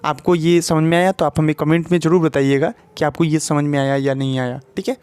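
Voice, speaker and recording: A male teacher with a Hindi accent walks the viewer through a spoken English lesson at a board. His voice sits fairly high, and he keeps checking in and asking questions as he explains. The sound is dry and close, with no room echo. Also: little pitch movement, a little fast, a little mellow, smooth. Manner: explains step by step, often adds "ठीक है" and asks questions to the viewer.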